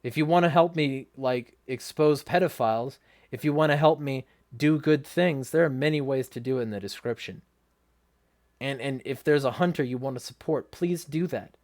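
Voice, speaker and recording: Male livestream host, mid-pitched, blunt and sweary, indignant ranting with some sarcasm. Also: normal speed, darkish tone. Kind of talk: ranting livestream talk, reading viewer comments.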